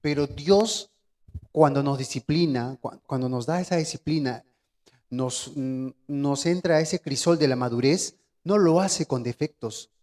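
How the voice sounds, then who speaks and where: A man's voice: medium pitch, a little slow, darkish tone. A man giving an earnest Bible study comment, thinking aloud with hesitant fillers.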